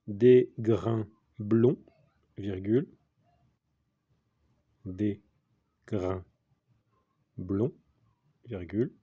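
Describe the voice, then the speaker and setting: A man is dictating like a schoolteacher, in a fairly low, slightly husky voice. He goes extremely slowly, phrase by phrase, repeating each piece and naming the punctuation. The recording is dull and lo-fi. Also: mellow, no echo. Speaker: teacher giving a dictation. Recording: dull lo-fi sound.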